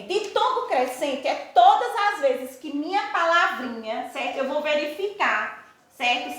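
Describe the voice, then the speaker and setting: Slow, high-voiced woman teacher in an echoey room. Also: a bit bright. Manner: patient, repeats and asks the class rhetorical questions. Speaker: primary school teacher. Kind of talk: recorded online class.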